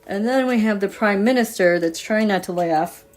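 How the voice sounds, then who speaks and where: A woman's voice: mid-range voice, normal speed, soft background music. A woman reading tarot cards in a casual livestream, chatty and meandering as she thinks aloud. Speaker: tarot reader.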